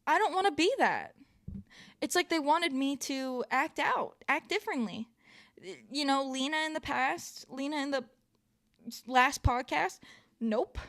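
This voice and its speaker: A woman giving an emotional, self-reflective monologue, animated and excitable, often laughing and swinging from loud bursts to soft near-whispers. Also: high-pitched, measured pace. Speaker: vlogger.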